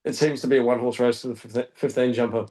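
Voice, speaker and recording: A man from Australia talks as a guest reporter on a podcast. His speech is casual and searching, with an average-pitched voice. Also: fairly even intonation, fast talker, dark tone. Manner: thinks aloud, hesitant with fillers and restarts. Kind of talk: casual chat.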